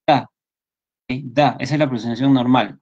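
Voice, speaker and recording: A man's voice: mid-range voice, measured pace. Patient Peruvian Spanish male English teacher. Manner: patient, repeats points and checks understanding with students. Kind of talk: online class lecture. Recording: slightly dull lo-fi sound.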